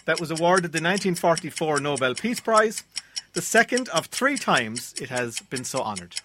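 A man's voice: on the high side, big pitch swings, moderate pace, background noise. An Irish man hosting a quiz, reading out questions and bantering with contestants. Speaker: quiz host.

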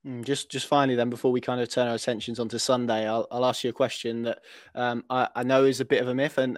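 A man's voice: mid-range voice, a bit bright, dry recording, clean studio sound. A man hosting a conversational football interview, asking long, hedged questions in a hesitant way. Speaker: interviewer, host.

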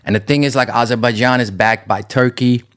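This Dutch-raised man has a mid-range voice that moves briskly and smoothly. Appearing as a podcast guest, he chats in a casual interview style, easygoing and loose, with plenty of fillers.

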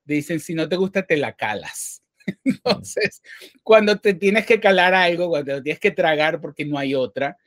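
A man from Venezuela speaking as an interview guest, thoughtful and halting, often restarting and repeating words. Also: a little high, animated, a bit bright, no room sound, studio quality. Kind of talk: casual interview talk.

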